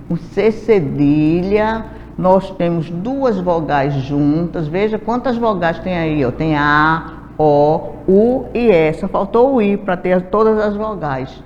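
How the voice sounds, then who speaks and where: Woman teacher from brazil, super slow, spells out every syllable, kinda muffled lo-fi sound w/ a bit of hiss and room echo. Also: mid-range voice. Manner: patient, drawn-out, sounds out letters one by one. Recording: dull lo-fi audio, faint hiss, reverberant room.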